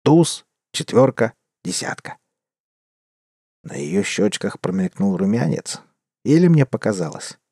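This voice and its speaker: A man narrating a story in a measured, wry manner as an audiobook. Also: on the low side, big pitch swings, dark tone, no room sound, studio quality.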